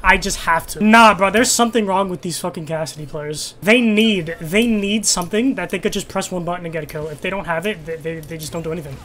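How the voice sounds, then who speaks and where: A young man in casual, trash-talking gaming banter, an excitable hyped gamer bro who swears freely. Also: high voice, fast, few pauses, slight background noise. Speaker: video game streamer.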